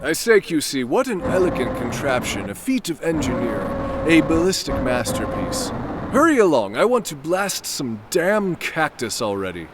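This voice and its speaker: An actor playing a vain, easily exasperated gentleman space adventurer in a comedic audio drama, speaking in florid, theatrical, old-fashioned phrases. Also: on the high side, big pitch swings, normal speed. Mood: grandiose.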